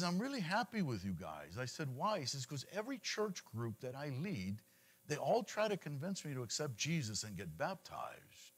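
A middle-aged man preaching a sermon to his congregation in a conversational style, often repeating words as he goes. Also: fairly high pitch. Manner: animated, conversational preaching with frequent repetitions. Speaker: congregation leader.

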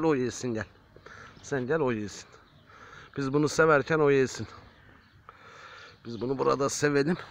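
A man filming himself outside, chatting casually to his viewers while he coaxes stray animals closer with soft, repeated calls. His voice sits at an ordinary middle pitch. Faint outdoor noise with birds and animals runs underneath. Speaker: vlogger feeding stray animals. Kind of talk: casual vlog talk to viewers. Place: outdoors by a building. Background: faint outdoor ambience with animals and birds.

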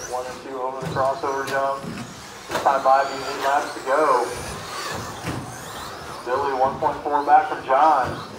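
A man announcing a remote-control car race, calling laps, gaps and positions in brisk play-by-play. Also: mid-range voice, level tone, background noise. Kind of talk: live race commentary. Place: indoor RC raceway. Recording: echoey indoor track with loud cars.

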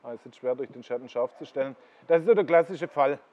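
A man's voice: medium pitch, fast talker. A middle-aged man leads a walking tour through greenhouse koi ponds, pointing out fish and explaining their qualities. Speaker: koi dealer giving a farm tour. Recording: slightly dull lo-fi sound.

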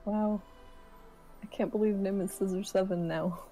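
A woman's voice: mid-range voice, steady tone, moderate pace, mellow, soft background music, rough recording. A woman playing in a tabletop game, chatting casually in a laid-back way and laughing often. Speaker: player.

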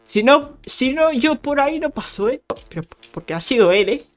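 A woman's voice: high voice, animated, moderate pace. A woman with a Spain Spanish accent giving casual, playful commentary while playing a video game, teasing enemies and talking straight to her viewers. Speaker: gaming YouTuber.

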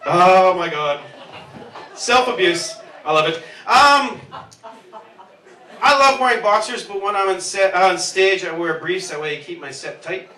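In a small pub basement, a comedian in his thirties works through a self-deprecating, profane, meandering set on a handheld stage mic. He has a high, sharp voice, a measured pace, and long pauses. The recording, made from within the room, sounds roomy and far off.

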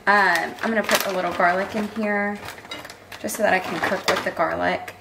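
A young Southern woman talks straight to camera in a chatty, storytelling way, with lots of "like" and "girl". Her voice sits at a middle pitch, and the car recording behind her carries clear noise. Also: steady tone, brisk. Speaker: vlogger. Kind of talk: casual chat to camera. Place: car, then home kitchen.

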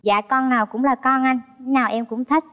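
Chatty, nervous woman contestant, high voice, studio reverb and soft music. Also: fairly even intonation, fairly quick, clean tone, highs cut off. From Phan Thiet, Vietnam. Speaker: dating show contestant. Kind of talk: casual conversation.

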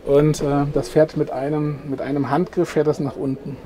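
A man's voice: level tone, moderate pace, background noise. A middle-aged man, a sales manager, walking an interviewer through a camper van with lots of ähm fillers, recorded close inside the van at a trade fair. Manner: pitching, filler-heavy with frequent ähm. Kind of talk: product walkthrough.

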